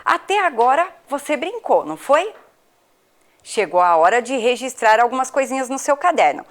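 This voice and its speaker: A woman's voice: high voice, expressive, normal speed. A woman from Brazil, a primary school teacher, giving a patient video lesson to children and asking them questions. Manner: patient, questioning the pupils, spells out letters.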